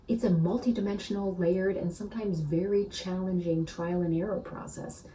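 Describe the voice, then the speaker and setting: A woman spiritual teacher leading a gentle guided practice, soothing and unhurried, often checking in with "right?". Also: on the low side, distant mic, slight background noise, low-quality recording.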